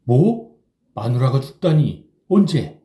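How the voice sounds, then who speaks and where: A man's voice: a little high, lively intonation, moderate pace, warm tone, roomy sound, voice pushed up, lightly acted. A man voicing a sober, wary middle-aged drinking companion who pleads and scolds in an audiobook reading. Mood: incredulous. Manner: pleading, reproachful.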